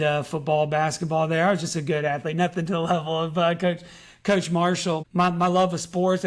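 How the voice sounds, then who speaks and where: A man in his late thirties from Georgia, a high school coach telling his story in a podcast interview, earnest with many fillers and restarts.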